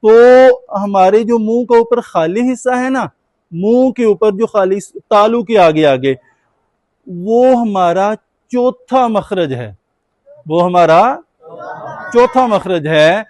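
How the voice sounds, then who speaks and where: Asking his students questions and having them reply, a Quran teacher runs a patient call-and-response class. He speaks slowly in a high, slightly mellow voice with lively intonation, and the recording has no room sound.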